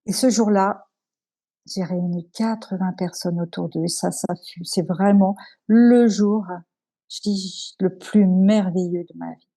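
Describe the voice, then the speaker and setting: A woman giving an earnest, emotional personal testimony as an interview guest, halting with many pauses and restarts. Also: mid-range voice, steady tone, warm tone.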